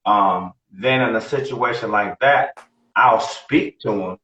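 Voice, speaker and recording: A man's voice: fairly low pitch, takes it slowly, pushed and bright. A man in his late forties talks bluntly on a podcast, cursing freely and circling back over the same points. He sounds distant from the microphone. The room is echoey and the sound is dull and lo-fi. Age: 40s. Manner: blunt, profane, repeats himself. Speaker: podcast co-host. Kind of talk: casual podcast chat.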